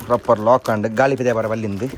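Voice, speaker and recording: A man's voice: fairly low pitch, fairly even intonation, fast talker. A man casually talking through his riding and camping gear for a vlog, showing items one by one. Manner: chatty, shows items one by one. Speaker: moto vlogger. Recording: faint background noise.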